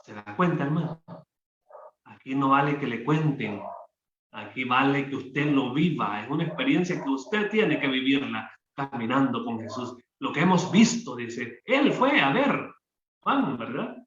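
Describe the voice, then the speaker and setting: A man's voice: mid-range voice, animated, unhurried, fairly bright tone. A male minister preaching a sermon, emphatic, who keeps addressing listeners as brother and asking "right?". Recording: echoey, dull church recording.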